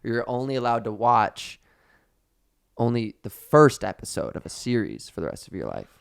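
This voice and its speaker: A man's voice: mid-range voice, very animated, moderate pace, vocal fry, clear, resonant tone. A man co-hosting a podcast, speaking in a casual, conversational way. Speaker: podcast co-host.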